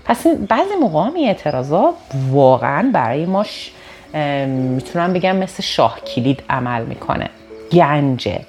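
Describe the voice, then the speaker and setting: A woman giving an informal spoken lesson on handling customers, acting out the customers' replies in quick voices. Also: sits low, very animated, a little mellow, slight background noise. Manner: conversational, explanatory. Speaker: sales trainer.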